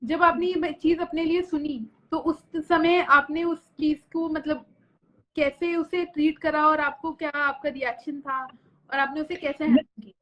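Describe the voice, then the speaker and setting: A woman's voice: high-pitched, fairly even intonation, unhurried, muffled recording. A woman interviewer who asks attentive, encouraging questions.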